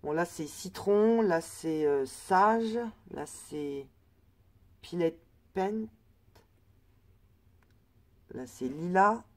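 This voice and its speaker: A woman's voice: on the low side, animated, extremely slow, long pauses, a little mellow. A woman vlogger chatting casually through a crafting haul, hesitant and full of fillers and restarts. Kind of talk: casual product haul chat.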